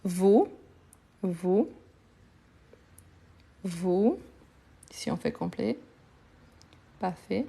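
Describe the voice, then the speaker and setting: A woman teaches French conjugation live and unhurried, with a mellow, warm tone. She is patient, repeats each word several times and keeps praising the people following along. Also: mid-range voice, animated, vocal fry, slightly rough. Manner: slow, patient, repeats words and praises learners. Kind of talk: live online conjugation lesson.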